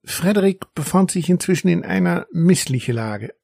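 A man reading a children's story aloud in an expressive storytelling manner. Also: high-pitched, normal speed, creaky, slightly rough, no room sound, clean studio sound. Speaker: narrator.

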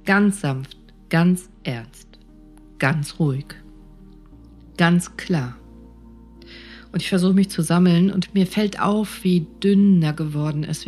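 A woman doctor vividly telling a personal story, acting out the dialogue. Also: lowish voice. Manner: vivid, animated retelling with acted dialogue.

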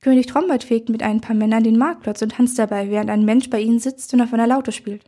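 A woman voicing a bossy, irritable male troll king who growls and scolds in a storybook reading, in a husky, dark voice. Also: on the high side, fast talker, close to an everyday voice. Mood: gruff scolding.

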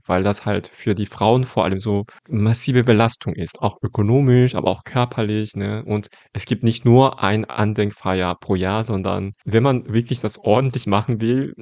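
A man hosting a casual interview, talking calmly and attentively, often ending sentences with a questioning tag. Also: fairly low pitch, normal speed, vocal fry, few pauses, dry recording. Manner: calm, attentive, frequent "ne?" tags and "mhm". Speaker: podcast host.

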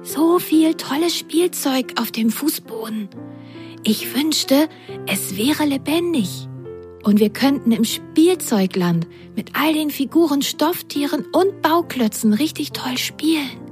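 A woman voicing Lili, a curious and excitable little girl sock in a children's storybook, with a high and eager voice. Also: takes it slowly, soft background music. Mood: excited.

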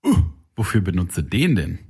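A man's voice: low-pitched, big pitch swings, moderate pace, vocal fry, darkish tone, slightly rough. A man co-hosting a podcast in casual comedic chat, joking around and dropping into silly sounds. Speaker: podcast co-host.

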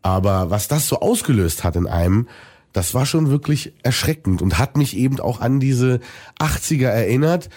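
A man in an interview, talking earnestly and reflectively with many pauses and restarts. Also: mid-range voice, expressive, darkish tone. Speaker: musician guest. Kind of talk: conversational interview.

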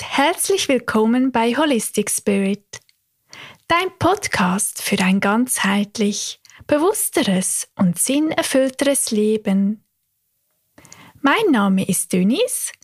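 A woman with a slightly high voice leads a guided evening meditation. She speaks very slowly and gently, in a soothing way that leaves space between phrases. Soft New-age music plays behind her. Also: no room sound, clean studio sound. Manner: gentle, soothing, unhurried delivery. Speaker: meditation podcast host. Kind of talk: guided sleep meditation narration.

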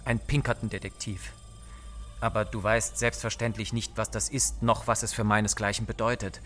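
A man's voice: fairly low pitch, flat delivery, normal speed, fairly bright tone, lightly acted. A male audiobook narrator voicing a grim, scheming member of a secret society, talking in an urgent, conspiratorial way. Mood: earnest, urgent.

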